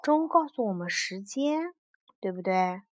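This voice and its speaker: A woman reading a picture book aloud to a child, pausing to explain and ask questions. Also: mid-range voice, animated, dry recording, dull audio.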